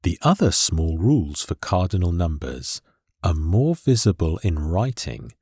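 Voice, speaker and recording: Slow, deep-voiced English teacher. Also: male voice, a little mellow, no echo, studio quality. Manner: slow, clear and deliberate explanation. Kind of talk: scripted lesson narration.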